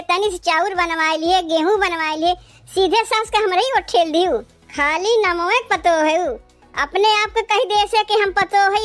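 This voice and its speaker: A woman's voice: very high-pitched, fairly bright tone. A woman voicing quarrelsome young village daughters-in-law with an Awadhi accent, taunting and bickering.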